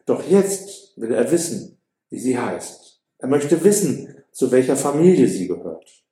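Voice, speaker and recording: A man narrating a story for an audiobook in a calm, measured way. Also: medium pitch, roomy sound.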